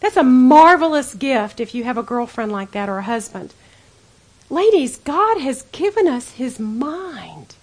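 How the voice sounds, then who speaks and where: A woman's voice: high voice, sing-song, a little slow. A middle-aged woman giving an earnest, conversational Bible teaching to a group of women, speaking directly to her listeners.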